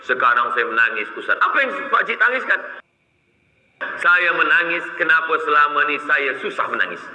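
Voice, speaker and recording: A man voicing a stubborn elderly male pilgrim who claims he never cries, in a flat, matter-of-fact tone. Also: a little high, normal speed, a little hiss or hum, exaggerated voice. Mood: tearful. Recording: echoey hall reverb.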